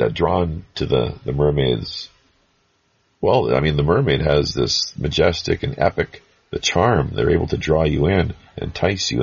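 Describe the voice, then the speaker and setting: Male podcast host, rambling and folksy, very low husky gravel, dull lo-fi sound. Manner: rambling, folksy, with pirate banter. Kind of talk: casual recap of past episodes.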